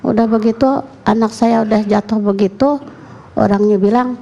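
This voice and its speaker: A woman's voice: fairly high pitch, steady tone, normal speed, gravelly, warm tone, lo-fi sound. A woman, a mother recounting events in an interview in short, plain, run-on clauses. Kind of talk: emotional first-person account.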